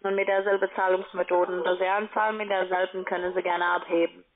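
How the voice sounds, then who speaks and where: A crowd can be heard behind this woman as she speaks fast in a lowish, level voice, conducting a formal telephone sales call in German as a financial adviser. German isn't her native language, her phrasing shows it, and the line sounds tinny and narrowband.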